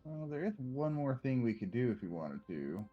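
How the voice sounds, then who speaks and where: A man's voice: mid-range voice, big pitch swings, normal speed, highs cut off, faint music behind. Laid-back joking gamer man. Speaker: co-op game player. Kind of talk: casual gaming chat.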